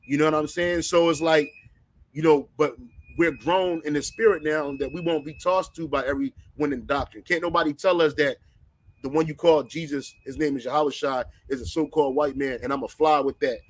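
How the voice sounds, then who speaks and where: A man talks with a fairly high voice and fervent, preachy conviction. He stumbles and repeats words as he pushes on, and the sound is close and dry. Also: steady tone, a little fast, no room sound. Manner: preachy, repeats words when starting phrases. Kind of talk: fervent religious discussion.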